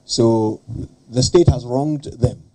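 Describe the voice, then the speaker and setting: A man's voice: medium pitch, takes it slowly, a crowd in the background, poor audio. A man putting a reporter's question at a press conference.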